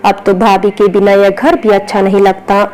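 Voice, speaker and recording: A woman's voice: mid-range voice, flat delivery, normal speed, a little mellow, a little hiss or hum, lightly acted, rough recording. Lady reading a friendly young brother-in-law, storybook. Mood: cheerful.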